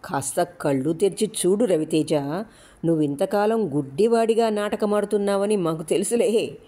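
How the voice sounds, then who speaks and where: A woman's voice: mid-range voice, moderate pace, warm tone, close to an everyday voice. A woman voicing a menacing male gold smuggler who taunts and orders people around. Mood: taunting. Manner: taunting, commanding.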